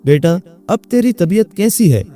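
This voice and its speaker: A man voicing an elderly mother who anxiously pleads with her confused son, in a raised, higher voice. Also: lively intonation, moderate pace, mellow, soft background music. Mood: pleading.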